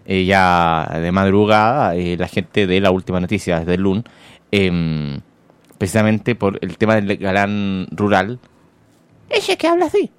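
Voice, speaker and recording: The deep, smooth voice of a Chilean Spanish-accented radio host moves unhurriedly with fairly even intonation, in a dry recording. His casual morning show mixes wry political chat with listener messages read aloud.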